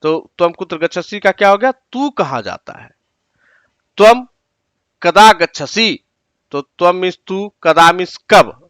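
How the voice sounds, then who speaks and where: Male teacher, higher pitch, dry close sound; slows down for each example sentence, explains word by word. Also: animated, fairly bright tone, smooth, dry recording. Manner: explains word by word, repeats often. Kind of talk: online exam-prep lesson.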